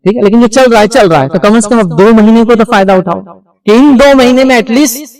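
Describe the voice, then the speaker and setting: A man's voice: very high voice, a little fast, darkish tone, poor audio. A man giving an earnest, lecturing sermon, full of rhetorical questions and asides. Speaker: preacher.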